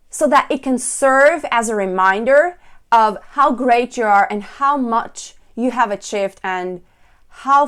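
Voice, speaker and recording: A woman giving an instructional talk as a public speaking coach, deliberate and encouraging, addressing the listener directly. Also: fairly high pitch, fairly bright tone.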